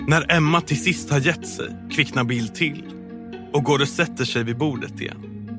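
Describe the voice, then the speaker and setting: A man reading a scripted true-crime story in a calm, measured way as a podcast narrator. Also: a little high. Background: music.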